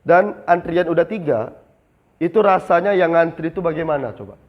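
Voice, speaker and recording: A man's voice: on the high side, lively intonation, a little fast. A young man training new retail staff in a classroom, asking the class questions and answering them himself. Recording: slightly dull lo-fi sound.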